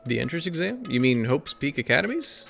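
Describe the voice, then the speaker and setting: Gravelly man reading game dialogue. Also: a little high, sing-song, a little fast, fairly bright tone, faint music behind. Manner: reads lines in shifting tones, drops wry asides. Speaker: let's play streamer. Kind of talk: reading game dialogue aloud with casual commentary.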